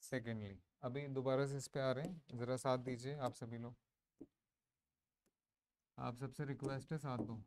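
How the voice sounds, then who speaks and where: A man's voice: mid-range voice, fairly even intonation, a little slow, pauses often, darkish tone. Man teaching maths in Hindi and English. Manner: mixes Hindi and English, asks the class to confirm. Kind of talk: classroom lecture. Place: classroom.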